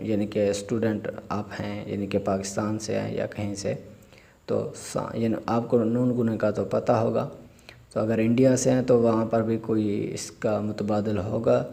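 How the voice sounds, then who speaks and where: A man teaching vocabulary, spelling each word out slowly letter by letter and explaining pronunciation. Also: fairly low pitch, gravelly, dark tone. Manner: slow, drawn-out spelling of words letter by letter; asides in Urdu-Hindi with polite fillers. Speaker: language teacher.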